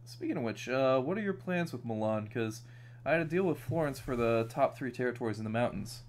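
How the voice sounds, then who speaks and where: A New York man with a mid-range, expressive voice talks briskly while streaming a strategy game. It's casual gaming chat, laid-back and chatty, packed with fillers.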